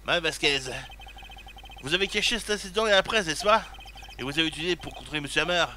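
A man's voice: a little high, fast talker, pushed and bright, slight background noise. A man voicing an earnest young male defense lawyer who presses accusations insistently. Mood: accusing.

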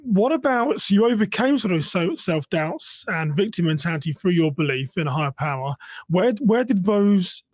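Male podcast host, slightly higher voice, thoughtful rambling questions, dry close sound. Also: expressive, normal speed, dry recording. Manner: reflective, asks long rambling questions, light joking. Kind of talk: casual interview chat.

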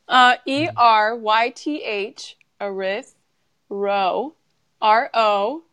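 A woman's voice: a little high, extremely slow, a bit bright, clear, resonant tone. A woman guest nurse in a casual live-stream chat, giggly and self-deprecating.

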